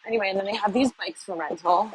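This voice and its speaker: Talking fast in a husky, medium-pitched voice, a middle-aged US woman rambles and thinks aloud while filming herself walking through the city. The recording is rough, with street noise faintly audible behind her.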